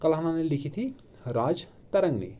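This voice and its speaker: A man's voice: fairly high pitch, very animated, normal speed, dark tone. A man giving an exam-prep history lecture in Hindi mixed with English terms, asking questions and answering them himself. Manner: asks and answers his own questions, repeats key terms. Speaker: exam coaching teacher. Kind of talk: classroom lecture. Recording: online video lecture.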